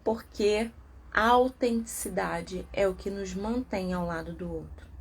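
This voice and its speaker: A Brazilian woman's gravelly, slightly rough mid-range voice moves at a measured pace as she hosts a casual live talk about codependency, drawn from a self-help book. In her Brazilian Portuguese accent she turns rhetorical questions on herself and acts out quoted voices with animation.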